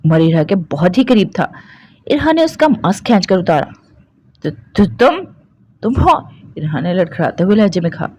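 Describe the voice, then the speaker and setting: A woman reads a romance novel aloud in a steady storytelling voice. Her narration keeps an even pace between the characters' lines. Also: lowish voice, fairly quick, muffled recording.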